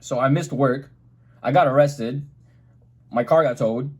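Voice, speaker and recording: Animated young man telling a story. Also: mid-range voice, unhurried, breathy edge. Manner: animated, swearing, mimics people in quotes. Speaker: car vlogger. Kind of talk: casual storytime.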